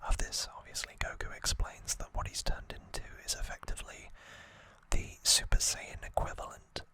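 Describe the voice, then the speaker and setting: An ASMR host, a man, whispers softly using only breath, though his voice carries a bright, sharp edge. He recaps trivia in an informal, halting way and often corrects himself while explaining.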